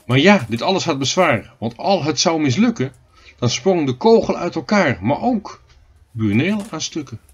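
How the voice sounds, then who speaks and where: A man reading aloud a rhymed storybook in a lively sing-song delivery. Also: a little high, husky. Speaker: audiobook reader.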